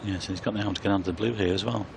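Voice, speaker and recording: A man's voice: low-pitched, fairly even intonation, very fast. A man giving live commentary on a snooker match as play unfolds. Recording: clear background noise.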